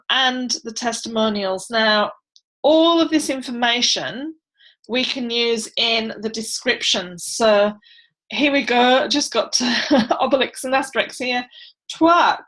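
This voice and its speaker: A chatty woman with a fairly high voice teaches authors over a video call. She talks loosely with plenty of fillers and laughs now and then. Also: a bit bright, rough recording. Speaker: book launch coach. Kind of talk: online webinar teaching.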